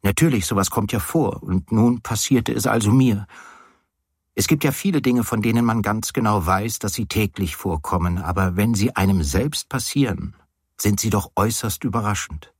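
A man reading a first-person novel aloud, with wry, hesitant storytelling and quietly voiced dialogue. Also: lowish voice, moderate pace, husky, no echo, clean studio sound. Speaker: audiobook reader. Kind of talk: literary audiobook narration.

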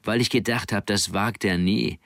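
A man's voice: fairly low pitch, steady tone, normal speed, gravelly, a bit bright, no echo, clean studio sound. A man voicing a skeptical, bossy young girl who talks sharply. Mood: scolding.

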